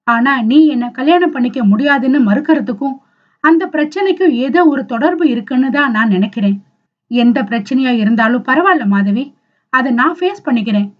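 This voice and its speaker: A woman's voice: high-pitched, lo-fi sound. A woman voicing an earnest young man in love. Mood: firm, tender. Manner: pleading, tearful.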